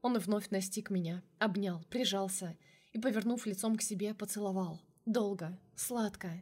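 A woman narrates a first-person novel at a calm, even pace. Her voice sits at a middle pitch, and her delivery is steady and unforced. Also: moderate pace, breathy edge. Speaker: audiobook narrator.

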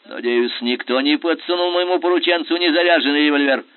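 A man's voice: fairly high pitch, brisk, no room sound, pitched above the performer's own voice, close to an everyday voice. A man voicing an imperious, scornful Russian general who talks in biting, sarcastic commands. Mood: commanding. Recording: tinny phone-like sound.

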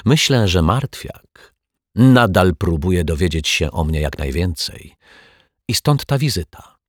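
A man's voice: sits low, expressive, unhurried, dry recording, studio quality. A man voicing a fussy, cheerful detective who talks politely and eagerly. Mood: knowing. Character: fussy cheerful small-office male detective.

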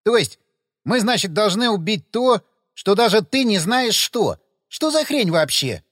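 A man voicing a loud, quick-tempered, swearing male rider in an audiobook. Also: sits high, sing-song, no echo, studio quality, pitched above the performer's own voice, full character voice. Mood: mocking.

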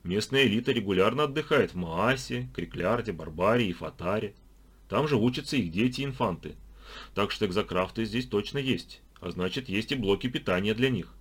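A man's voice: lowish voice, expressive, moderate pace, breathy edge. A man voicing a knowing, talkative old man in an audiobook, explaining things in a folksy, chatty way. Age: older. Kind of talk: audiobook character voice.

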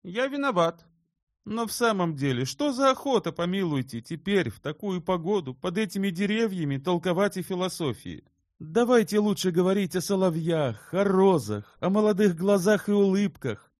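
A man voicing an excitable, touchy young male sculptor in an audiobook, with heated, shrill outbursts. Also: moderate pace, no echo, studio quality. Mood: pleading, teasing. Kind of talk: audiobook character reading.

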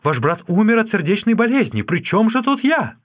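A male reader voicing a frightened young woman in a high, shrill, pleading voice. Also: very animated, moderate pace. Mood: defensive.

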